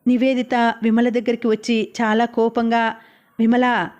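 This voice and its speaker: A woman narrating a story as an audiobook reader, in a steady storytelling manner. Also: fairly high pitch, moderate pace, lo-fi sound.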